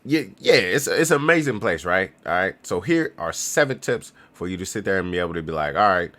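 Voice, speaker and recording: A man's voice: sits low, lively intonation, a little fast, fairly bright tone. A young man giving casual travel tips in a vlog, talking in slang and acting out other people's lines. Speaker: travel vlogger.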